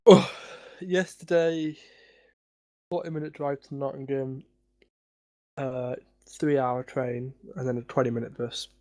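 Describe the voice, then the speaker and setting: A young man from England chats loosely on a podcast, mid-pitched and easygoing, words sometimes muffled by food. The sound is close and dry with no room around it. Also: fairly even intonation, measured pace, pauses often, darkish tone, no room sound. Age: young adult. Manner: talks while eating, laid-back. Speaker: podcast co-host. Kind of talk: casual chat over a call.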